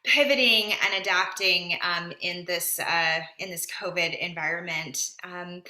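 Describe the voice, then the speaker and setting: A woman's voice: fairly low pitch, fairly even intonation, a little slow, sharp tone. A woman representing a theater company, giving an earnest, sincere speech at an online event. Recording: echoey room.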